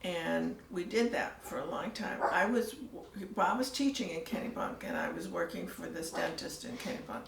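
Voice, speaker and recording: An older woman telling her story in a casual interview, soft-spoken and trailing off into near-whispers. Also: fairly low pitch, normal speed, creaky, few pauses, slight background noise. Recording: echoey room, mic at a distance, faint ambience.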